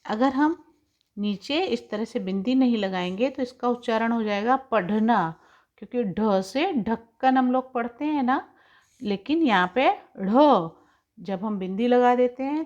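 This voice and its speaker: A woman teaching young children in an online class lesson, explaining each point slowly and patiently. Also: a little high, a little mellow, lo-fi sound. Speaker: school teacher.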